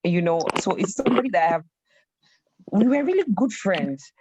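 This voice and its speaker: A young Nigerian woman telling a personal story in an animated way, slipping into pidgin phrases. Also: mid-range voice, moderate pace, breathy edge, no echo, rough recording. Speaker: host.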